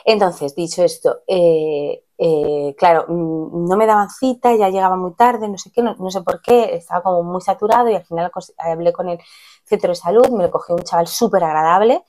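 A woman's voice: lowish voice, normal speed, warm tone. A woman, chatting casually to camera in a rambling way, acting out what others said. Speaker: vlogger.

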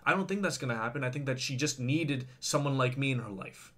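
A male vlogger rants confessionally to camera, angry and venting, swearing heavily, repeating himself, and talking straight to his viewers. His voice is medium-pitched and a bit bright, and he talks fast.

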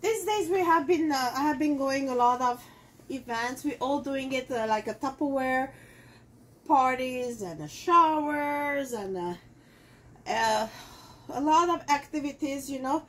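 This middle-aged cooking show host, a native Armenian speaker, has a high-sitting voice and an unhurried delivery. She's demonstrating a dish in her home kitchen while selling kitchenware, talking casually with loose phrasing and plenty of fillers.

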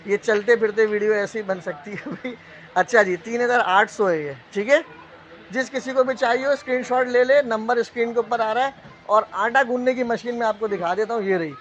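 A male shop seller with a Pakistani accent and a high, fairly bright voice delivers a slightly fast, spontaneous live pitch while touring an appliance store's aisles. Hosting the sale video on a handheld phone, he repeats prices and tag lines the way a street hawker would, and the phone audio comes across dull.

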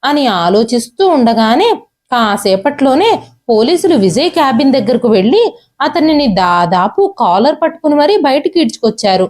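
A woman narrating a scripted moral story in a steady, even storytelling manner. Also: on the high side, moderate pace.

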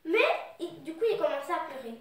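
A woman with a cold retelling and reading a children's book in a loose, halting way. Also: sits high, a little mellow. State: has a cold. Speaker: storyteller. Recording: echoey room, distant mic.

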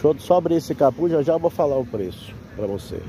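Talking fast in a slightly high, dark-toned, expressive voice, a Brazilian used car broker films a walkaround at a roadside car fair. His sales patter is casual and repetitive, set against outdoor street noise and faint traffic.

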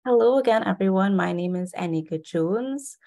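A young woman from Trinidad and Tobago, giving a friendly, steady online presentation about her art. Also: medium pitch, moderate pace, creaky. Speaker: artist presenter. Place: indoors, video call. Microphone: video call.

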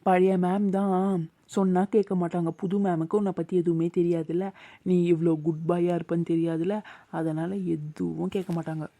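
A woman's voice: on the low side, little pitch movement, moderate pace, dark tone, no echo, close to an everyday voice. A woman voicing a kind man who coaxes and reassures a crying boy in a cartoon. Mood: coaxing. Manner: coaxing, reassuring.

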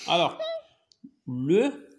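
Patient Moroccan male teacher, lively pitch. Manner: patient, spells out letters and sounds slowly; code-switches into Moroccan Arabic to explain. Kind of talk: classroom reading lesson.

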